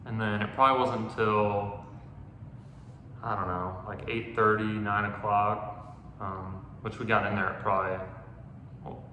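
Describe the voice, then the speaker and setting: Young man with a bright, echoey voice. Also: fairly low pitch, flat delivery, measured pace, long pauses. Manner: rambling, many "like" and "um" fillers. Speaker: podcast host. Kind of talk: casual hunting story chat. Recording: echoey room with long reverb, faint noise.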